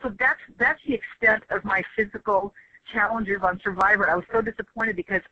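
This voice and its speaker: A woman in her fifties, a guest on an interview podcast, talking frankly and with lively emphasis in casual conversation. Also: medium pitch, brisk, highs cut off, a little hiss or hum. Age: 50s. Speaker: interview guest, former reality show contestant.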